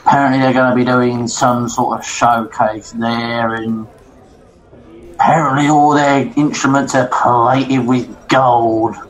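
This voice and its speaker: A man's voice: mid-range voice, flat delivery, unhurried, natural voice, rough recording. A man doing a drunk, grumbling commoner. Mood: scornful grumbling. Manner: scornful, grumbling. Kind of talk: tabletop role-play voice.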